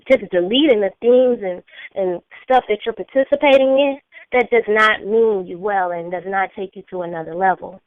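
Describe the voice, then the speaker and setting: Over a dry, tinny phone conference line, a woman hosts a motivational call, speaking earnestly at a medium pitch. A sinus infection makes her voice slightly scratchy, and she coaches her listeners while repeating key phrases.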